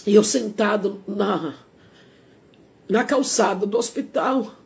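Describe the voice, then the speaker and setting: A woman's voice: mid-range voice, takes it slowly, gravelly. A woman with a Sergipe accent from Brazil, speaking through tears in a confessional live stream, pleading and emotional. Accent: Sergipe Brazilian Portuguese. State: crying. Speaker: singer. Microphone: phone.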